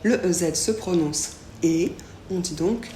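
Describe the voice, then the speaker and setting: Woman teaching french, slow and careful, spells out every sound, echoey room. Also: on the low side, dark tone. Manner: slow, clearly articulated model pronunciations. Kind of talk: language lesson. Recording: echoey room with faint background hiss.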